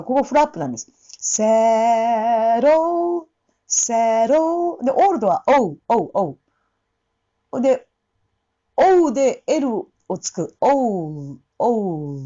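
A woman's voice: fairly high pitch, sing-song, measured pace, warm tone, slightly rough, muffled recording. A woman teaching English pronunciation for singing, demonstrating the sounds by repeating words. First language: Japanese. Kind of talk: casual spoken lesson.

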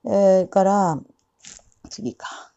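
A woman teaching English pronunciation, explaining sounds and slowly repeating example phrases. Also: medium pitch, fairly even intonation, vocal fry, noisy background. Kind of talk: pronunciation lesson. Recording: dull lo-fi sound.

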